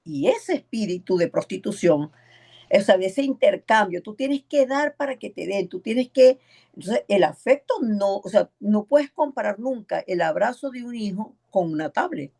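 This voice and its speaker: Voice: mid-range voice, expressive, normal speed, vocal fry, darkish tone. A preacher teaching an evangelism class in a sermon style, stressing points by repeating words and acting out the voices in a story.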